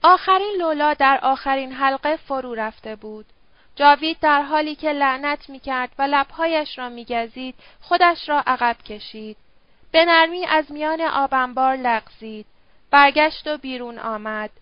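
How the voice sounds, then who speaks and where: A woman narrating an audiobook in a steady, measured reading. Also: high-pitched, dry recording. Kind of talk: scripted narration. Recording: dull dry lo-fi audio.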